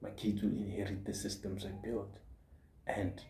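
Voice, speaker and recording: A man's voice: fairly low pitch, level tone, normal speed, creaky, dark tone. A man in his forties gives a motivational monologue as a podcast host, earnest and repeating his points for emphasis. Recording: roomy echo.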